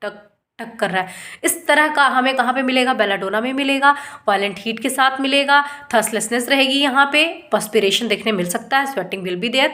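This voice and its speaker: A woman doctor in her thirties or forties, with a high voice, teaches an informal online class. She explains patiently, slips English terms into her talk and keeps asking her listeners rhetorical questions. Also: moderate pace, pushed and bright.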